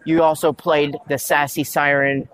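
A man's voice: on the high side, level tone, moderate pace, fairly bright tone. A man hosting an interview at a gaming convention, rambling casually and jumping between topics with frequent restarts. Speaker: podcast host, interviewer.

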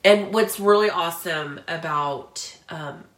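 A woman's voice: on the low side, takes it slowly, echoey room. A woman co-hosting a casual podcast, affirming and effusive. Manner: effusive, affirming, bursts into excited squeals. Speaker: podcast co-host.

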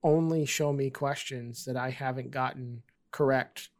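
A man's voice: mid-range voice, steady tone, measured pace. A man hosting a podcast, explaining things in a casual conversational way. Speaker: podcast host.

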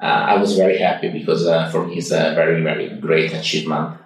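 Here a very deep male voice with vocal fry comes through flat and quick, far from the mic in a very echoey space. He's an interview guest from Italy, speaking accented English as a second language and stumbling through answers with lots of fillers and restarts. The casual chat takes place in his Swiss home.

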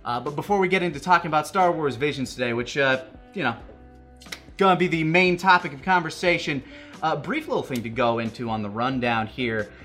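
A man's voice: fairly high pitch, fairly quick, bright, forceful tone, faint music behind. A man hosting a podcast in casual chat, joking and rambling with plenty of fillers. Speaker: podcast host.

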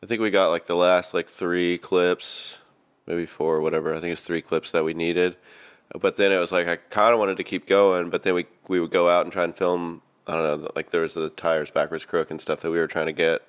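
A man's voice: low voice, flat delivery, fairly quick, smooth. A young man in casual chat, hesitant and self-doubting, often trailing off. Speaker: skater in the video.

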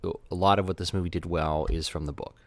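A man's voice: sits low, fairly even intonation, brisk, no room sound. A man co-hosting a podcast, chatting casually about a film and often repeating words as he starts a thought. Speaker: podcast co-host. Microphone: headphones and podcast mic.

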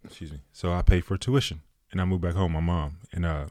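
Low-voiced laid-back man in his thirties. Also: fairly even intonation, fast, darkish tone, no room sound, clean studio sound. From Texas. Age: 30s. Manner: laid-back, slangy, laughs often. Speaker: guest. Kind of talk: casual chat.

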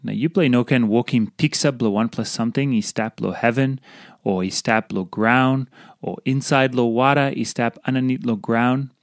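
Male devotional speaker for scripture reading and exposition, mid-pitched voice, very dry sound. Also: moderate pace, no room sound.

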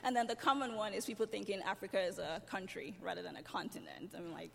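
A woman with a Nigerian accent telling her story of moving countries during a church service, lively and laughing often. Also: medium pitch, fast talker, creaky, breathy edge. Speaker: church member interviewed in a sermon. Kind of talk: personal testimony in a church service. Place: church sanctuary. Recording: church hall reverb.

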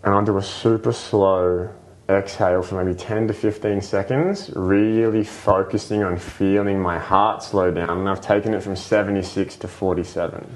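A man's voice: sits low, steady tone, normal speed, a little hiss or hum. A man, a breathwork coach, explaining things patiently as a podcast guest, with lots of fillers and "right?" checks. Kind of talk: casual explanatory interview talk.

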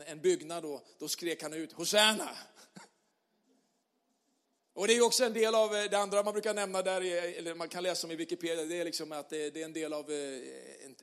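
A man preaching a lively sermon as pastor, moving from loud shouts down to soft, quiet lines. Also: high-pitched. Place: church hall. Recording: long hall reverb.

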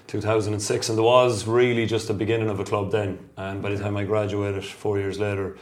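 A man. His voice sits a little low. He answers interview questions informally, as a guest from a sports club. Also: little pitch movement, fairly quick, roomy sound. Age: 30s. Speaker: podcast guest, triathlon club member.

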